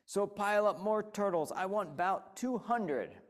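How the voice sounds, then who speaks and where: A man's voice: mid-range voice, expressive, normal speed, close to an everyday voice. A man voicing a pompous, boastful turtle king who bellows his proud declarations in a storybook reading. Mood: commanding.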